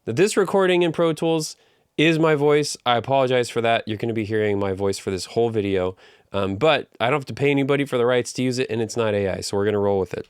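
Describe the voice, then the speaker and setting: A man's voice: lowish voice, very fast, clean tone, no echo. Upbeat man explaining audio gear, dry sound. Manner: upbeat, joking, conversational explainer. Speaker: audio engineering instructor. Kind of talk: screen-recorded tutorial.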